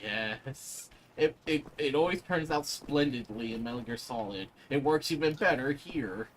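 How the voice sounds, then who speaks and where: A man's voice: medium pitch, animated, measured pace, a little hiss or hum. A man giving casual, opinionated commentary while gaming, speaking emphatically and swearing freely. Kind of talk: casual chat over gameplay.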